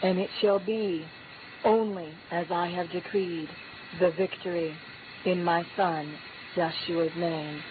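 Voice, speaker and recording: Speaking as God in the first person, a woman utters a prophecy in a lowish voice, slow and fairly even in intonation, yet her solemn, repetitive declarations climb on every refrain. It comes through a thin, telephone-like line with faint hiss.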